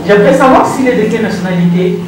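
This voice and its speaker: A woman's voice: mid-range voice, quick pace. A woman, a TV journalist, asking polite and formal questions at a press conference. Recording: echoey hall, far mic, crowd behind.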